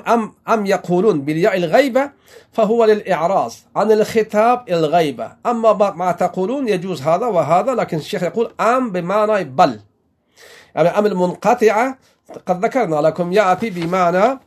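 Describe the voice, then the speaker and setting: A man from Afghanistan teaches a classical religious text line by line, pausing to explain the grammar. His voice sits high, and he speaks in a measured way, often restarting a word before going on. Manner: measured explanation with frequent restarts and soft acknowledgements. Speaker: teacher of Quranic exegesis and grammar.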